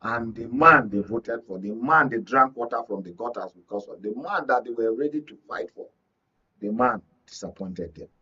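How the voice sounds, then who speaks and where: A Nigerian media analyst, appearing as a studio guest, delivers emphatic political commentary full of rhetorical repetition. His mid-range voice is animated, pushed, bright and breathy at a moderate pace, captured on dull lo-fi audio from a distant mic.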